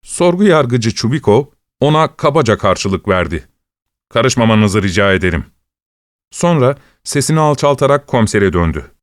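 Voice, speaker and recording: Telling a story in a measured, even way, a mid-range-voiced man narrates a scripted audiobook. The sound is clean studio audio with no echo.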